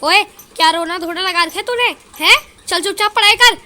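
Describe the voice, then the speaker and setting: A woman voicing a harsh mother who loudly scolds her son and her sister. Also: very high-pitched, lively intonation, moderate pace, voice pushed up, heavily acted. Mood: angry scolding. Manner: loud, shouting insults.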